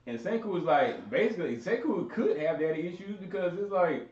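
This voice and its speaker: A man's voice: high-pitched, expressive, fairly quick, a little mellow. A man hosts a casual podcast debate in loose, slangy banter and breaks into laughter often. He sits back from the mic in an echoey room, and the sound is dull and muffled. Faint noise sits underneath. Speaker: podcast host running the bracket. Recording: roomy, distant, dull sound.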